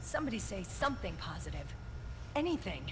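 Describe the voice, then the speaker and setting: A woman's voice: mid-range voice, big pitch swings, fairly quick, background noise, close to an everyday voice. A woman playing an exasperated crew member in a video game scene. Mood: pleading, exasperated. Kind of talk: video game cutscene acting.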